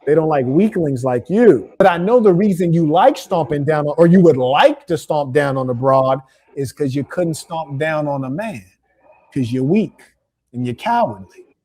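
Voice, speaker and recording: A high-pitched man hosts a heated call-in debate. He lectures in a dismissive way and talks over the caller again and again. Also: expressive, normal speed, mellow, husky. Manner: lecturing, dismissive, keeps interrupting. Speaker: debate show host.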